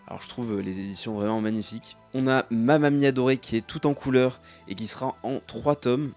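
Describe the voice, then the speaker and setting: A man presents a casual vlog in a fairly low voice. He is chatty and informal, speaking to his viewers as host, with faint music in the background. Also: darkish tone. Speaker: host of a manga haul video.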